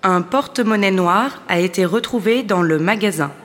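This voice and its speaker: A woman making a polite, formal announcement over a store loudspeaker. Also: medium pitch, normal speed. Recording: long store-hall reverb.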